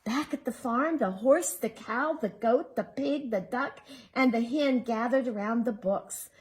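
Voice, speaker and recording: A woman librarian reading a picture book aloud to children, slow and expressive, with friendly asides to the kids. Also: a little high.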